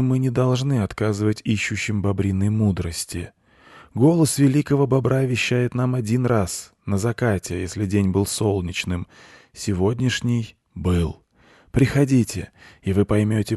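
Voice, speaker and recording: A man voicing a very old grey male beaver, a pompous zealot who speaks slowly and solemnly. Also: fairly low pitch, mellow, dry recording, studio quality, voice pushed up. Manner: slow, solemn and self-important.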